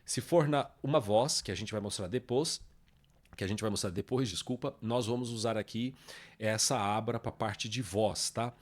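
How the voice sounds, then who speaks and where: A man with a Brazilian accent and a fairly low voice runs an informal music production tutorial at a moderate pace. He walks through each step and often checks understanding with short tag questions. Guitar samples and music play from the software in the background.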